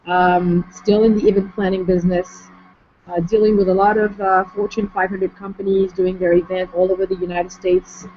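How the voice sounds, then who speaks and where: A woman from France with a French accent, speaking as an interview guest in a measured way, pausing to find her words. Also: mid-range voice, flat delivery. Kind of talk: online interview conversation. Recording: muffled lo-fi audio with faint noise.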